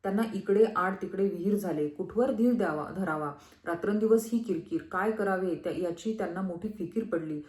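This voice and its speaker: Woman, mid-pitched, reads devotional scripture aloud in a steady, earnest way; roomy echo on the recording. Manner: measured, earnest reading aloud. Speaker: scripture reader. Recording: echoey room.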